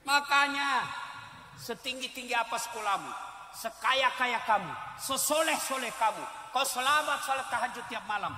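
Middle-aged male preacher, animated and joking, tense piercing tone, recorded in a reverberant hall. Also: very high-pitched, normal speed. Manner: animated, joking, acts out wives and husbands in voices. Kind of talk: sermon at a large public gathering. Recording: echoey hall with long reverb.

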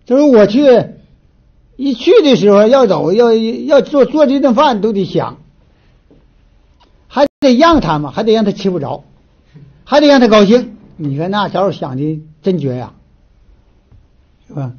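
Northeastern Mandarin man, folksy lecturer, high animated voice, restarts a lot, muffled lo-fi audio. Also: moderate pace, pauses often. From Northeast China. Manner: animated storyteller, frequent filler restarts. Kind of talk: folksy moral lecture with storytelling. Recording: dull lo-fi recording.

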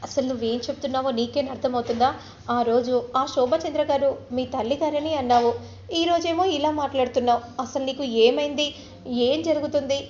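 A woman's voice: high voice, steady tone, a little fast, a little mellow, a little hiss or hum, close to an everyday voice. Woman voicing a bewildered young husband. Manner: confused, questioning. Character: worried young man questioning his wife. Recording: roomy, slightly dull recording.

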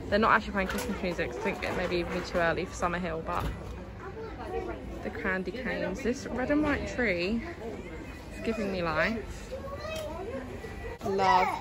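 A young woman filming herself around a large indoor garden centre on her phone. She narrates casually and gushes, piling on "love" and "so beautiful" as she browses. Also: medium pitch. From Essex, England. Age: young adult. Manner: chatty and gushing, lots of "love" and "so beautiful". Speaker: vlogger. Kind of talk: casual shopping vlog narration. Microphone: handheld phone camera.

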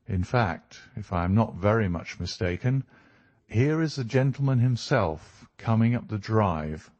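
A man voicing a composed, authoritative detective in a storybook reading, formal, measured and stern. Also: lowish voice, animated, a little mellow, dry recording, dull audio. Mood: quiet, assured.

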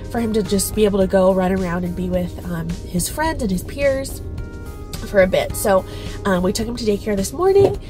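A vlogger in her thirties, sounding stuffy and congested, chats casually to her phone camera held at arm's length, first from a parked car and then in her home kitchen. She fills her talk with ums and little laughs. Her mid-range voice is expressive at normal speed, with music playing in the background.

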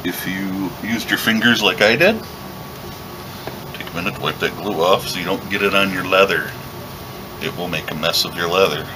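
Deep-voiced man explaining leather craft. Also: normal speed, pauses often, background noise. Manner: relaxed, step-by-step explaining while working. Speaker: leatherworking instructor. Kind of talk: hands-on craft tutorial. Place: workshop bench indoors.

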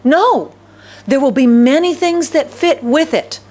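A middle-aged American woman pastor preaches loudly from a podium in a church hall, her high-pitched voice a little slow, picked up by the podium microphone. She repeats key phrases and puts questions to the congregation.

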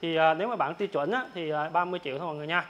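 Very fast southern Vietnamese man, hard-selling. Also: fairly high pitch, a bit bright, highs cut off. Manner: repetitive, informal patter addressed to buyers. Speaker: motorbike salesman. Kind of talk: hard-sell sales pitch, listing prices. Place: large open-sided motorbike warehouse. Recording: clear ambient noise of open warehouse.

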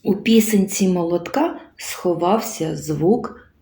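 A woman teaching a speech-sounds lesson to small children, asking coaxing questions and articulating slowly and clearly. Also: fairly low pitch, lively intonation, mellow. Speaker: kindergarten teacher. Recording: roomy echo.

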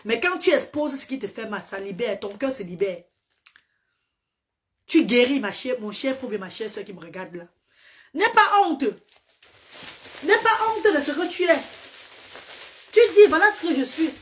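Speaking at normal speed with frequent pauses, a woman with a high, fairly bright, expressive voice delivers a fervent live address on social media, preacherly and full of emphatic repetition. She speaks Medumba and works as a live-stream host and parent advocate. A phone camera records her at close range as she sits on a sofa in a small indoor room.

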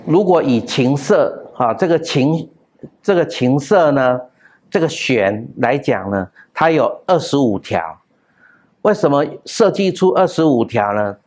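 A man giving a classroom lecture on classical texts, explaining step by step with drawn-out particles and sung example tones. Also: medium pitch, expressive, a little mellow. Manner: explains with pauses, drawn-out particles, chants and hums sounds.

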